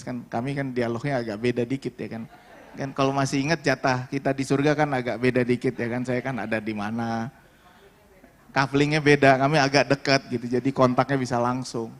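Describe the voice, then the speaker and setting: A man's voice: medium pitch, a little fast, big-room sound. A male pastor giving a sermon and telling a personal story in an emotional, conversational way, speaking straight to the congregation. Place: worship hall.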